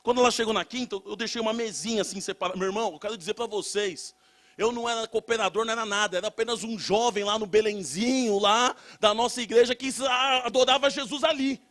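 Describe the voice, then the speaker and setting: A young man preaching, telling a testimony and rising into loud shouted prayer. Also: high-pitched, fast talker. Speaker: pastor. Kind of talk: sermon.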